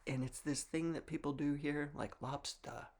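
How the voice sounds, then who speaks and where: A man's voice: on the high side, steady tone, normal speed, a little mellow. A young man from Massachusetts with a mild Massachusetts accent, musing in a wry, rambling, opinionated monologue. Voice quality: gravelly, husky. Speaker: vlogger. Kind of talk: casual monologue.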